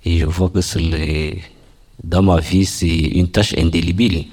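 A man speaks in a very deep, husky voice. He talks slowly and evenly, keeping a flat, steady tone. His testimony is formal and earnest, with carefully chosen words. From Cameroon. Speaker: workshop participant giving testimony.

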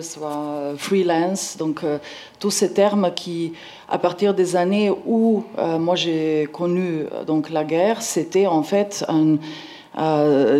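A woman's voice: low voice, dark tone. A woman in her forties with a Slovenian accent, giving an informal conference talk in a hesitant way, searching for her words. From Slovenia, former Yugoslavia. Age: 40s. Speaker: independent art curator, panel speaker.

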